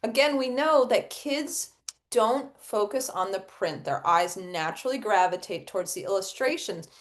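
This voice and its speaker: A middle-aged woman presents an instructional webinar for educators in an expressive, mid-range voice at normal speed. She explains things step by step, poses questions and answers them herself, and includes acted read-aloud examples.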